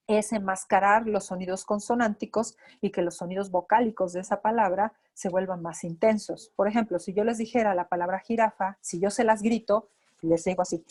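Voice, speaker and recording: Una mujer con acento mexicano, terapeuta auditivo-verbal, da una clase a residentes y explica con ejemplos prácticos. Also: female voice, medium pitch, darkish tone. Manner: explanatory, acts out examples of talking to children. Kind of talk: lecture.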